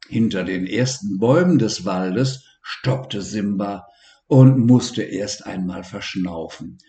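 A man calmly reading a children's story aloud as narrator. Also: lowish voice, echoey room. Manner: slow, calm and deliberate.

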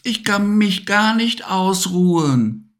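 A man putting on a small boy just woken from a nap, in a children's audiobook. The voice is high and whiny, stubborn and insistent. He calls out with a sleepy, pleading edge. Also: animated, takes it slowly, fairly bright tone, exaggerated voice.

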